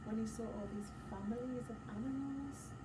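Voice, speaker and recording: Reading aloud to children from a picture book, this teacher has a slightly high voice and a moderate pace. She gasps dramatically, reads expressively, and interrupts herself with encouraging questions and asides. A distant mic in a roomy room picks up clear background noise.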